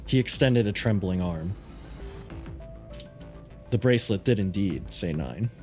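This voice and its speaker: A man's voice: low-pitched, lively intonation, a little slow, darkish tone. A man reading scripted narration aloud as the narrator of a game playthrough. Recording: music behind the voice.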